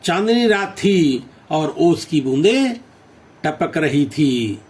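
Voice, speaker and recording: Slow, measured Hindi teacher, man. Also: on the high side, sing-song, darkish tone. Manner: reads verses then explains them line by line, repeating phrases. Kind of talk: poetry explanation lesson.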